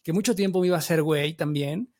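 A man's voice: a little high, quick pace, dark tone. A man in his thirties with a Mexican accent, hosting a podcast in a casual, slangy way full of fillers. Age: 30s. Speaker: podcast host. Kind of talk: casual interview talk.

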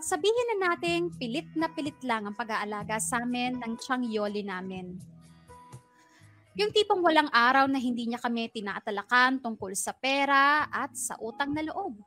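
A woman's voice: fairly high pitch, sharp tone. A woman narrating a listener's letter in an earnest, confessional storytelling manner. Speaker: radio drama narrator reading a listener's letter.

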